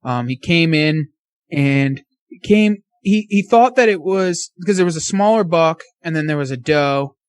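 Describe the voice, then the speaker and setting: A man guesting on a podcast, excitedly telling a casual story full of fillers and slang. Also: on the high side, normal speed, clear, resonant tone, no room sound.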